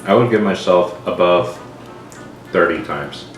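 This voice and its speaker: A man casually chatting while he eats the fried chicken he cooked at home, relaxed and dry, talking between bites. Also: low voice, measured pace, faint music behind. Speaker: home cook and vlogger. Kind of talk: casual eating vlog chat. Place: home kitchen. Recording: echoey kitchen, mic at a distance, clattering dishes.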